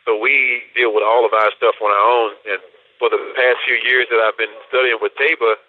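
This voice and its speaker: A man in his forties speaking over a prison payphone call, talking softly and haltingly with many fillers and restarts. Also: mid-range voice, level tone. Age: 40s. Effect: prison payphone call line. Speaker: incarcerated student interviewee. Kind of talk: casual phone interview. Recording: tinny dry phone line.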